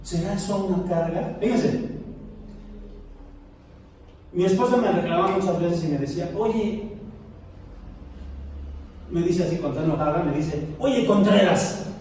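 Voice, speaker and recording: A middle-aged Mexican pastor preaches with a high, mellow voice, weaving humorous stories into his sermon. He sounds distant from the microphone, his words ringing through a big echoey church hall with a faint hiss underneath. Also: steady tone, fairly quick, pauses often. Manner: storytelling, humorous asides to the congregation. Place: church sanctuary.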